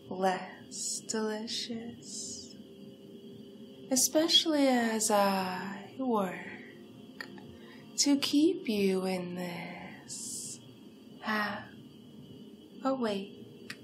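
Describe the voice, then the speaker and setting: Over background noise, a female roleplay performer voices a hungry, seductive vampire villainess for in-character ASMR hypnosis. Her pitch sits in the middle, and she keeps the pace very slow, breathy and deliberate, with hypnotic poise and frequent drops into whispers.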